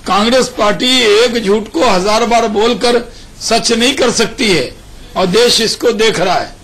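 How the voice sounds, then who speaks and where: A man's voice: high voice, measured pace, a bit bright, low-quality recording. A man speaking as a party spokesman in a televised political debate, arguing firmly. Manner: firm, argumentative. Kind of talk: political debate on a phone line.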